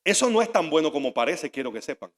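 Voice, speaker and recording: A male pastor preaching a sermon, swinging from hushed asides to loud outbursts. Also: fairly high pitch, fast. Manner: animated, shifting between shouts and hushed asides. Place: church hall. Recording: long reverb of a large hall.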